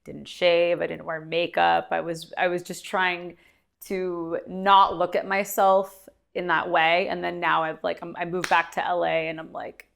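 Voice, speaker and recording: Frank young woman with a gravelly low voice. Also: flat delivery, measured pace, a bit bright. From Glendale, California. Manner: frank, reflective, with frequent "like" fillers. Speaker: guest, adult performer. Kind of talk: candid interview conversation.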